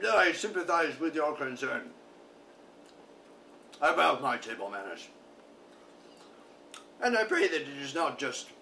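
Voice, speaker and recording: A man's voice: a little high, bright, forceful tone, heavily acted. A man playing a pompous, overheated aristocrat in a period comedy sketch, with florid, hesitant speech. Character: pompous, overheated, meat-eating English aristocrat card player. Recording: distant, noisy amateur recording.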